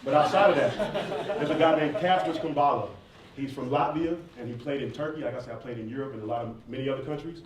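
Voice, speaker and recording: Crowd noise surrounds a man with a medium-pitched, quick voice as he answers audience questions, performing casual, funny stories like an animated storyteller. He comes from the southern United States. The echoey indoor venue, distant mic, and background noise are all audible.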